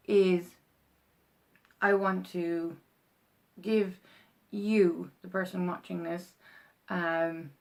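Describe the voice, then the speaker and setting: A young Irish woman with a lowish, gravelly voice rambles chattily through a casual explainer vlog, full of ums and restarts as she describes a process.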